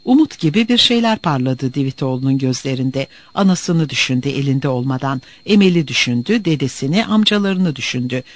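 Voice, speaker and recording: A man narrating a novel in an expressive storytelling manner. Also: mid-range voice, fairly quick, hardly any pauses. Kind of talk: audiobook narration.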